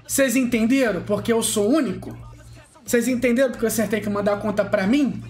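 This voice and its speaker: A man's voice: sits high, fairly quick, faint music behind. A man commentating his gacha pulls, boastful and taunting, drawing out chanted catchphrases. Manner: shouts and laughs loudly at lucky pulls. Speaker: gaming streamer. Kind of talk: excited gacha-pull commentary.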